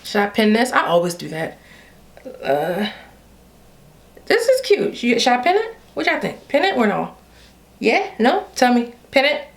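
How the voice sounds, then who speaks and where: This Haitian beauty vlogger, a young adult with a Haitian accent, chats playfully to her y'all audience in a casual hair video. Her fairly high voice swoops wildly in pitch, unhurried and with frequent pauses.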